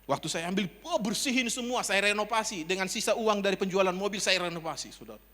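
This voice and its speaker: A man preaching as a pastor, telling a personal story in a chatty way and building to loud calls to the congregation. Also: high voice, lively intonation, fast talker. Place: church service. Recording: long church hall reverb.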